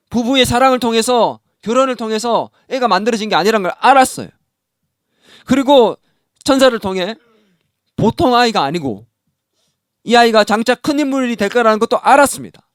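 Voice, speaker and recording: In clean studio sound with no room sound, a man with a high voice delivers a sermon as pastor. He's animated, putting questions to the congregation and performing parts of the story, including scolding dialogue.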